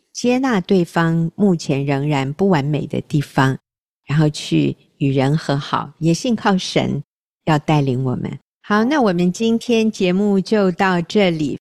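Earnest woman radio host, low voice. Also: darkish tone, no room sound, clean studio sound. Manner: earnest, reflective, self-deprecating. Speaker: radio talk show host.

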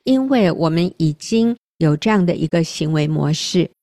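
Earnest woman radio host, low voice. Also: lively intonation, normal speed, dark tone, no room sound, studio quality. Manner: earnest, reflective, self-deprecating. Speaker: radio talk show host.

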